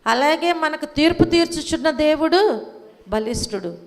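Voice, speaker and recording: A woman's voice: high-pitched, expressive, moderate pace, long reverb tail. A woman preaching a sermon in a church. She speaks emphatically, asks the congregation questions and repeats key phrases. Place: church hall.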